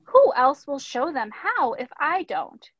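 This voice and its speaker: Here the same teacher's high voice turns sing-song and a little slow as she reads the picture book expressively, pausing for instructive asides. The sound remains echoey and dull, with a lo-fi quality.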